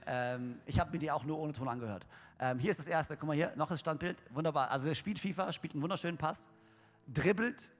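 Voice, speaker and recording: A little high and a bit bright, the young man's voice carries a chatty, joking sermon to his congregation, peppered with fillers and restarts. He is a pastor speaking in a church hall, captured with long hall reverb.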